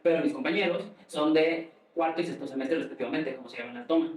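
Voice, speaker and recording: Fast-talking young man, echoey room. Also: a little high, distant mic. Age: young adult. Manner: fast, rambling, many fillers. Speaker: host. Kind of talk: casual student podcast conversation.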